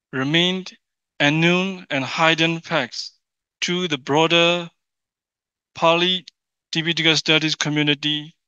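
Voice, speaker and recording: Male conference presenter, Burmese accent, clear ringing tone, halting delivery with repeats, recorded dull in an echoey room. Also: a little high, pushed and bright. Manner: halting, repeats and rephrases phrases. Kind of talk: formal paper presentation in non-native English.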